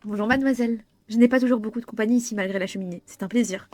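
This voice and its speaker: A woman's voice: fairly high pitch, racing, darkish tone, dry recording, close to an everyday voice. A woman reading the lines of an ancient, courteous male vampire in a game, in a formal, polite manner.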